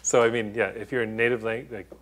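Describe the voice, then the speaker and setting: A man's voice: lowish voice, little pitch movement, fast, fairly bright tone. A man giving an academic presentation, explaining step by step with many restarts and fillers. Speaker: presenter on data confidentiality. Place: lecture room.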